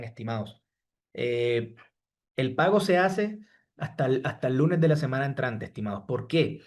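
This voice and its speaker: With a medium-pitched, slightly mellow voice, a man runs a live online class and answers students from the chat by name. Almost every point he makes ends with "¿sí?" and "estimados".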